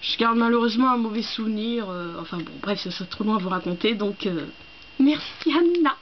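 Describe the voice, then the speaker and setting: Excitable young woman, lo-fi home recording. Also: on the high side, brisk. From France. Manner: gushing, excitable, hesitant with fillers. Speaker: book vlogger. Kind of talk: casual unboxing chat. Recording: dull lo-fi home recording with faint hiss.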